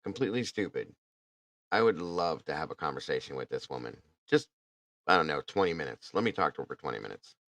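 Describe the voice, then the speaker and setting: A man's voice: rumbling low, animated, quick pace, fairly bright tone, dry recording. A man hosting a casual true crime talk, blunt and indignant, swearing now and then. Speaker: true crime podcast host. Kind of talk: casual chat.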